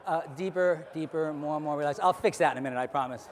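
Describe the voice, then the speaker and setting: Male stage hypnotist, higher-than-average pitch, soothing repeated instructions with conversational asides, recorded live in a reverberant hall. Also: fast talker. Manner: repetitive soothing commands, switching to chatty asides with volunteers. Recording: echoey hall with long reverb.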